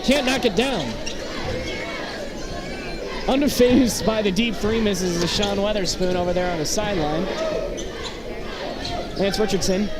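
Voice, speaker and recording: A play-by-play commentator with a high voice calls a live basketball game in short, clipped bursts, keeping a measured pace and pausing often. The gym is very noisy, with loud crowd din and bouncing basketballs behind him.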